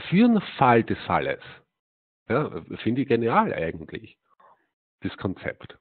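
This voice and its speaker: A male lecturer with a medium-pitched, wildly swooping voice speaks unhurriedly to a seated audience in a live talk. He's emphatic, posing rhetorical questions and answering them himself, hesitating often and scattering "ja" and a hesitant "äh" throughout. The sound is tinny and narrow, like a phone.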